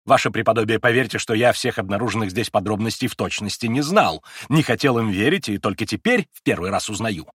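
A man voicing a proud gentleman who speaks heatedly and formally. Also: fairly low pitch, lively intonation, brisk, long pauses, breathy edge, dry recording, clean studio sound, exaggerated voice. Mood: indignant. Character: indignant proud gentleman, humiliated.

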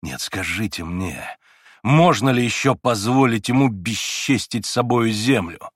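A man voicing a young man who speaks quietly, slowly and measuredly with a low growl of contempt. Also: lively intonation, no room sound, clean studio sound. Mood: seething.

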